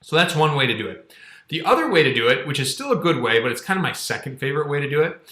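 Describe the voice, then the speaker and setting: A male accounting course instructor in his thirties gives a casual screen-share tutorial in a roomy, echoing indoor space. His voice is a little high, very animated, fast, and sharp-toned as he explains step by step, often checking in with "okay" and "all right."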